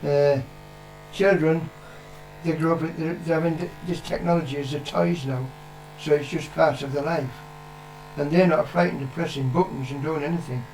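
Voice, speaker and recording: An older man from the United Kingdom, father of the vlogger, talks at normal speed with fairly even intonation in a slightly high, darkish voice. His casual opinions come out blunt and plain-spoken, with swearing and repetition for emphasis. The low-quality recording carries soft background music.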